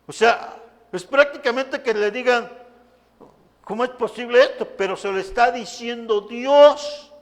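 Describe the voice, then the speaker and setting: A man preaches with emphasis, his voice sitting high for a man. He keeps turning to the congregation and calling out to them. A long reverb from the church hall trails after each phrase. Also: a little slow. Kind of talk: sermon.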